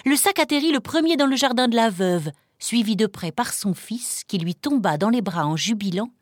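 A woman reading a fairy tale aloud with an expressive storytelling manner. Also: fairly high pitch, normal speed, no echo, clean studio sound.

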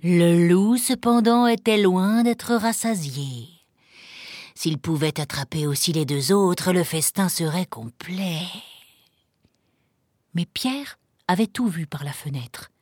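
Slow gentle woman telling a children's story. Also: lowish voice, lively intonation, no room sound, studio quality.

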